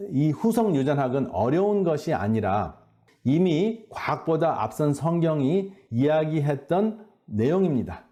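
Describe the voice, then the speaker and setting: A man giving an earnest, measured faith-based health lecture, often pausing on hesitation sounds. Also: a little high, mellow. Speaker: lecturer at a health boot camp.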